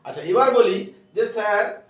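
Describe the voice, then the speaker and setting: High-voiced male tutor in echoey room. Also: expressive. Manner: repeats questions and checks understanding; drawn-out syllable-by-syllable words. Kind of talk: whiteboard grammar lesson. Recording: echoey room, far from mic.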